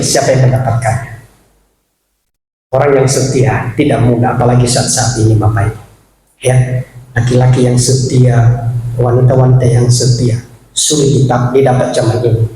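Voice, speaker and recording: A man preaching a sermon to his congregation in a chatty, animated way, addressing them directly and laughing along with them. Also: medium pitch, normal speed, pauses often. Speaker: pastor. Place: large echoey church hall. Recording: echoey church hall, faint hiss.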